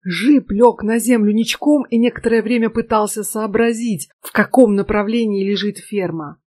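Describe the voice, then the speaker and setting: A woman narrating an audiobook in a measured, steady way. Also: a little high, no echo. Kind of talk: scripted narration.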